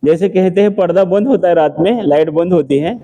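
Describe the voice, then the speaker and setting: Dark-voiced man giving a temple sermon. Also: sits high, a little fast. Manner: conversational, poses rhetorical questions and answers them. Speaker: temple lecturer. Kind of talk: scripture class sermon.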